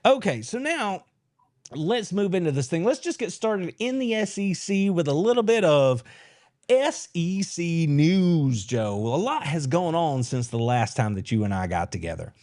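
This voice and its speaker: A man's voice: on the high side, normal speed. A man hosting a live sports podcast, chatting in a folksy, teasing way. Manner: animated, folksy, teasing banter. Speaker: podcast host. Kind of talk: casual live-stream sports chat.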